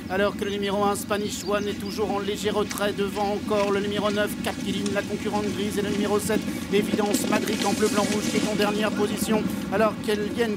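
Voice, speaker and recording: A man commentating live on a horse race as a race caller, chaining long sentences that track each runner. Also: sits high.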